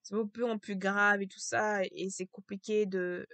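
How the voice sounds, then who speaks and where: A woman talking to camera in a casual vlog with a low, strained voice, hesitant and repetitive, full of fillers and restarts. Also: fairly even intonation, moderate pace, fairly bright tone, dry recording. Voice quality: low, gravelly voice.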